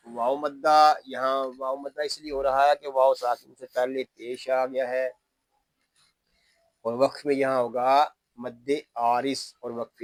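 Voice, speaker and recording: A man teaching Quran recitation rules word by word, patiently explaining each rule and chanting the verses in long, drawn-out tones. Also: mid-range voice, no echo. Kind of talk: tajweed lesson, word by word.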